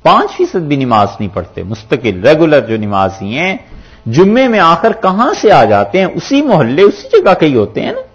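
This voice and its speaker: A man's voice: on the high side, moderate pace, slightly rough. A male preacher giving a sermon, quoting scripture verses and explaining them with rhetorical questions. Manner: lively, rhetorical, quotes Arabic verses then explains. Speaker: mufti preacher. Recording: dull lo-fi recording.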